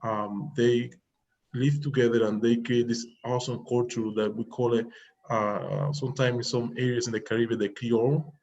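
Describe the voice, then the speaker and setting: Cuban-born man, earnest and halting, on a muffled line. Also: mid-range voice, fairly even intonation, a little mellow. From Cuba. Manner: earnest, halting, many fillers. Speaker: guest musician. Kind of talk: interview answers. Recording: muffled lo-fi call audio.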